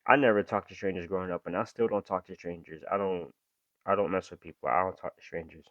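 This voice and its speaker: A man's voice: low voice, fairly even intonation, fast talker, fairly bright tone, dry recording, highs cut off. A young man, reading true-crime text aloud and breaking off into casual slangy reactions. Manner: reads story aloud, then breaks off into slangy asides. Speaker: reaction video host.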